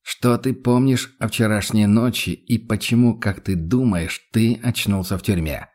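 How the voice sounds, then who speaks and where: A man voicing a calm, stern male investigator who questions in a level, insistent voice. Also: on the low side, unhurried.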